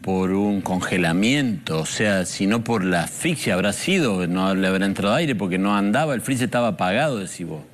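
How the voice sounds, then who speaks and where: Argentine anchorman, lowish voice, chatty live questions, some ambience behind. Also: lively intonation, fairly quick, few pauses, a little hiss or hum. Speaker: news anchor. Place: TV studio.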